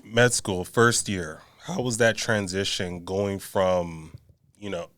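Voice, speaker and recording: A male podcast co-host who steers the interview with straightforward questions and brief nods of agreement. His voice sits on the low side. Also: fairly even intonation, fairly bright tone. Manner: asks questions, quick affirmations.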